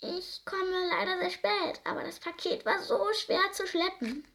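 A tiny storybook mouse pipes up in a squeaky, very high voice, voiced by a woman reading the tale. The voice is eager, bright, and much higher than a normal speaking voice. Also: a little slow, exaggerated voice. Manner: squeaky and piping.

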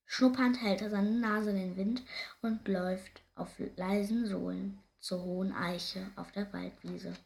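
A woman reading a children's story aloud in a gentle, expressive way. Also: mid-range voice, a little slow, gravelly.

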